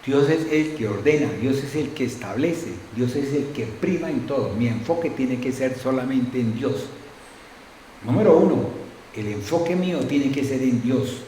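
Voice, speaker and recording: A middle-aged pastor preaches a sermon conversationally, often using tag questions and acting out anecdotes. His voice is mid-range, mellow and moderately paced. A little hiss or hum sits in a very echoey church room.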